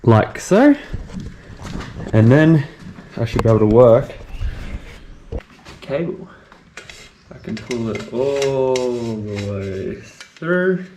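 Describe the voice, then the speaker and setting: A man's voice: mid-range voice, expressive, drawn-out words, long pauses, mellow. A man giving a casual how-to demonstration as a bike tech presenter, talking through each step as he works. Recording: echoey room with faint noise.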